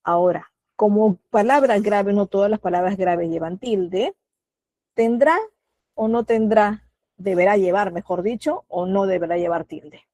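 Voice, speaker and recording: A woman's voice: mid-range voice, unhurried, dark tone. A middle-aged woman with a Peruvian Spanish accent teaching an online class, patiently asking questions and calling on students by name.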